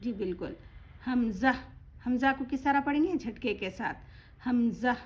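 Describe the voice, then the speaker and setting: A woman teaching Quran reading, slowly drawing out each letter name and then explaining softly and quickly in between. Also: a little high. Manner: slow, drawn-out letter names, then quick soft explanations. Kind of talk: online lesson, letter-by-letter drilling. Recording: dull lo-fi audio.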